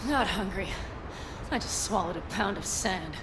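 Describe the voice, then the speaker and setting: A woman's voice: medium pitch, animated, moderate pace, echoey room, noisy background, close to an everyday voice. An actress voicing a blunt, fiery young nomad woman in a video game, often swearing. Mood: dry weary. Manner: blunt, swears, shouts in the chase. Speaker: game character. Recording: game audio under loud music and gunfire.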